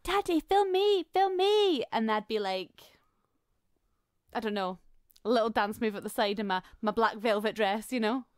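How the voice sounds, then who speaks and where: A woman in her thirties, co-hosting a podcast and telling stories in a giggly, animated way. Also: mid-range voice, moderate pace, long pauses, dry recording, clean studio sound. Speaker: podcast co-host. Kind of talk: casual chat.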